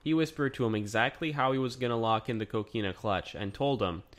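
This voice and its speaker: Guy doing a solo podcast review, chatty and excitable, lots of uhs and likes, normal pitch. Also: brisk. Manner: chatty and excitable, with frequent fillers. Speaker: podcast host. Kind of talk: casual solo review monologue.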